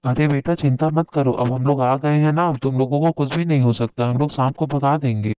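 A protective neighbour played by a man in a homemade doll-play story, talking in an assertive, blustering way. His voice is smooth and resonant at a middle pitch. The recording is dry and a little dull. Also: a little fast, no echo, close to an everyday voice. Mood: reassuring. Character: bold neighbour man with a stick.

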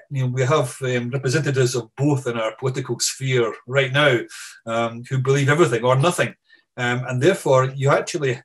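A man with a Scottish accent gives an online seminar over a video call. His voice sits at an ordinary middle pitch. He talks in a thoughtful, meandering way, restarting sentences and repeating words as he works through his points. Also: a bit bright, breathy edge. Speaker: guest speaker, professor.

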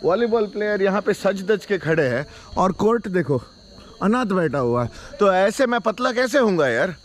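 A man's voice: sits high, expressive, moderate pace. Chatty man vlogging to a handheld camera. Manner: chatty, laughing, mixes Hindi with English. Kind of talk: casual daily vlog to camera. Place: home, then outdoors at night. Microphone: handheld action camera at arm's length.

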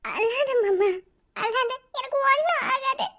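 A woman's voice: very high voice, animated, slow pace, a bit bright, soft background music, exaggerated voice. A woman voicing a tearful, selfless young woman in a cartoon who soothes her lover, with a Madurai Tamil accent. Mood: soothing. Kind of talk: cartoon voice acting.

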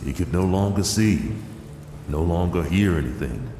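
A man with a low voice narrates an audio drama as a grave, solemn storyteller of a western tale, speaking animatedly at a moderate pace. The recording has long, echoey reverb under loud background music.

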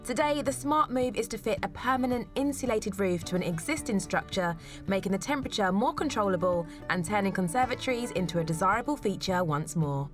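A woman with a British accent reading scripted voice-over tips for a home renovation show in a clear, informative way. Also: medium pitch, animated, a little fast, music in the background. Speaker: property show co-host.

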